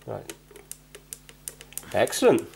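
This man draws out his words in a darkish tone, with slight background noise behind him. He's hosting a hobby repair video from an indoor workbench, explaining as he goes in a relaxed, hands-on way and frequently questioning his own choices.

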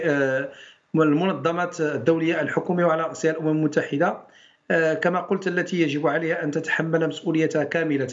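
A man's voice: a little high, muffled recording. A man, a professor of international law, speaking emphatically in a TV debate with rhetorical questions and fillers. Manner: declamatory, many fillers and repeated rhetorical questions.

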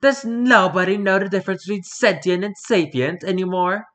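A man doing a self-important male pigeon with a lecturing, haughty manner, a storybook figure who talks down to everyone. The voice sits a little above a man's usual talking pitch. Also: moderate pace, fairly bright tone. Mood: indignant. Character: pompous know-it-all male office pigeon.

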